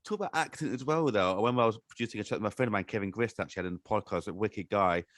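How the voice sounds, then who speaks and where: A man's voice: lowish voice, very fast, a bit bright, dry recording. A man hosting a podcast in casual chat, laughing often and talking with enthusiasm. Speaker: podcast host.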